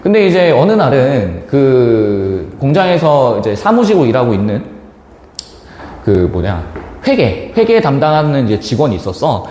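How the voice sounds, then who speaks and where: A young man teaching Korean literature in a lecture classroom speaks at normal speed in a medium-pitched voice. Animated and slangy, he tells a personal story and acts out the voices of the people in it. The echoey room adds long reverb, along with a slight hiss or hum.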